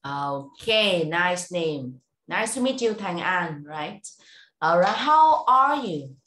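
A woman teaching English over a video call, giving a speaking test and prompting slowly and clearly with encouragement. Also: lowish voice, very animated, fairly bright tone. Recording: roomy echo.

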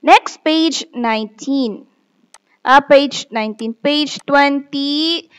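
A woman teaching an English lesson over slides, reading aloud slowly and asking pupils questions. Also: high-pitched, low-quality recording.

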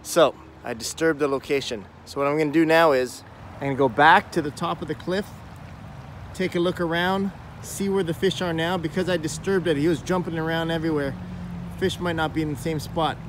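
A man in his thirties talks straight to a handheld camera at arm's length, upbeat and explanatory as he teaches a fishing technique. His voice sits fairly high for a man. Faint outdoor stream noise runs behind him by a wooded creek. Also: fairly even intonation, fairly quick. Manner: upbeat, explanatory, talking to camera while walking. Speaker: fishing vlogger host. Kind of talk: outdoor fishing tutorial vlog. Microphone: phone or camera at arm's length.

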